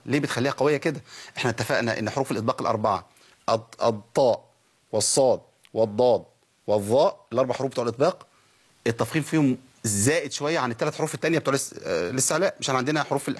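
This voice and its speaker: A man's voice: mid-range voice, slightly rough. A man with an Egyptian accent teaching Quran recitation, explaining and drilling letter sounds and quizzing his listeners. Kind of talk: spoken lesson with pronunciation drills.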